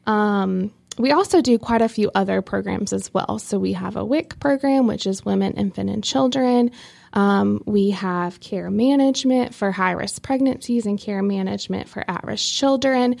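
A woman's voice: mid-range voice, normal speed, creaky, darkish tone. A young woman from North Carolina, a health educator, answering interview questions in a friendly, explanatory way.

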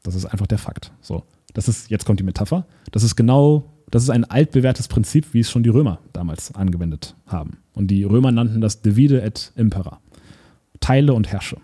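A man's voice: fairly low pitch, a little fast, husky. A man co-hosting a podcast, talking casually and animatedly, often restarting words and mixing in English terms. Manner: animated, self-correcting, mixes English words. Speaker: podcast co-host.

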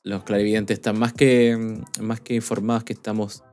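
Halting Chilean man podcast host. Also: on the low side, little pitch movement, a little mellow, soft background music. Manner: hesitant, halting, with many fillers. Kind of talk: casual podcast chat. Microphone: studio microphone.

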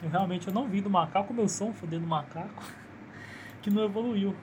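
Recording himself on a handheld phone, a Brazilian podcast host with a high-pitched voice talks briskly through a casual solo monologue. His rambling is cynical, profane and self-deprecating, and his accent is Brazilian Portuguese. Background noise is audible.

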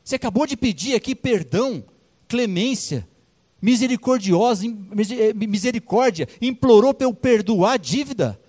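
Man doing a king, angry, blunt, slangy, loud, pitched up. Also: quick pace, lightly acted. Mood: indignant. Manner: blunt, colloquial. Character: forgiving yet angry male king, brusque.

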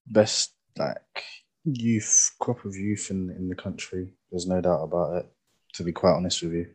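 Husky, low-voiced man. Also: steady tone, unhurried, a little mellow. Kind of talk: casual football chat.

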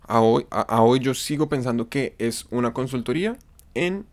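Man, Colombian accent, medium pitch, casual storytelling, slangy and profane, voices quoted exchanges. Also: moderate pace. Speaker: interview guest.

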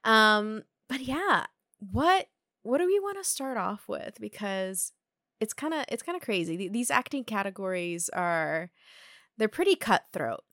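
A young woman hosts a laid-back film chat, full of fillers and quick laughs. Her voice is bright and forward, and the recording is dry and close with almost no room sound. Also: mid-range voice, sing-song, dry recording. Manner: chatty, laughs often, lots of fillers. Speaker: podcast host.

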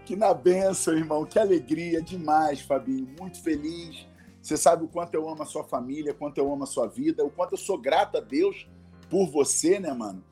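A man's voice: on the high side, fairly quick, mellow, soft background music. A middle-aged man with a Carioca accent, a pastor and singer, chatting as a guest in a radio studio in an effusive, fervent way full of religious exclamations. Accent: Carioca Portuguese. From Rio de Janeiro, Brazil. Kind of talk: casual radio interview chat.

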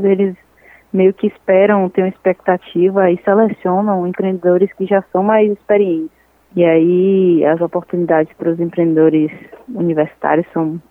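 A young woman, a scientist and entrepreneur answering interview questions in an earnest, measured way, often pausing to restart her phrases. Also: lowish voice, no echo. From Salvador, Brazil. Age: 20s. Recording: thin, dry, phone-like line.

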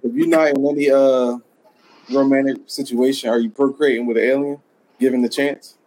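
A man's voice: mid-range voice, fairly even intonation, a little fast, dark tone, poor audio. A man co-hosting a podcast, musing in a laid-back, profane casual chat. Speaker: podcast co-host.

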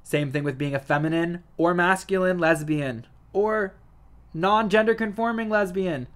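This vlogger is a man in his twenties with a high, fairly bright voice at normal speed. In casual personal talk to his viewers he sounds earnest and affirming, and "like" keeps popping up as filler.

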